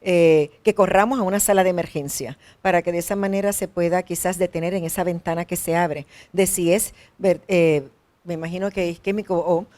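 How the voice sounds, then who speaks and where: A woman's voice: on the low side, steady tone, brisk, darkish tone. A woman hosting a health interview, asking questions and rephrasing the answers for listeners. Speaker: health show host.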